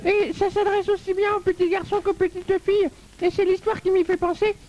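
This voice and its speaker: A man putting on a squeaky high voice to tell a naughty nursery rhyme in a sing-song way, on a comedy radio show. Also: little pitch movement, a little fast, a little mellow. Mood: mock innocent. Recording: dull noisy radio broadcast.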